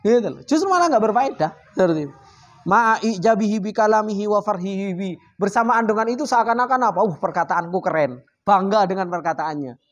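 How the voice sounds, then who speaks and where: With a high voice and a quick pace, a man runs an informal, animated Islamic study session. He reads out Arabic phrases and explains them, often asking the group rhetorical questions.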